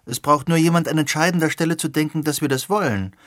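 A man voicing an excited young woman who asks eager, probing questions. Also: fairly high pitch, fast talker, dry recording, clean studio sound, voice pushed up, close to an everyday voice. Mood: questioning.

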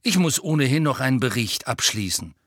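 A man's voice: mid-range voice, big pitch swings, brisk, a bit bright, dry recording, pitched above the performer's own voice. A kindly middle-aged wizard father, cheerful and encouraging, in a storybook reading, as a male narrator puts him on. The sound is dry and close. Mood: reassuring.

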